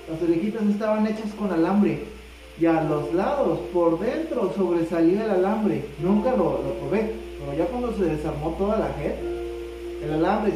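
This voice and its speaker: Guy talking from inside a costume head, chatty and griping, mic far off in a super echoey room, music going. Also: high-pitched. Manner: chatty, complaining, trips over words. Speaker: fursuit vlogger. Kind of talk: casual chat to viewers.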